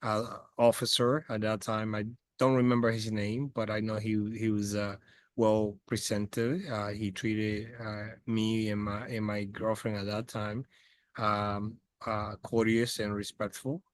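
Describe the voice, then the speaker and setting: This guest, a man in his forties from the Dominican Republic, chats casually in English during a video-call interview outside by a house among trees. He speaks a little slowly on the low side with little pitch movement, often hesitating and restarting; no room sound is heard.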